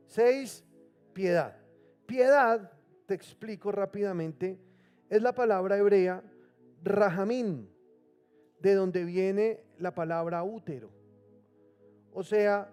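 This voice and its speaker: A male pastor preaching a sermon, reading scripture slowly and with emphasis and calling on the congregation to repeat words after him. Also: high-pitched, darkish tone.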